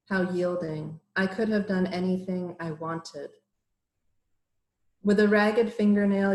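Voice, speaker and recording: A middle-aged woman poet reading her poems aloud over a video call, introducing each one in a measured, hesitant way. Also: fairly low pitch, darkish tone. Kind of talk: poetry reading with short introductions. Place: home room on a virtual reading call. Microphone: computer mic on a video call. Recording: roomy echo.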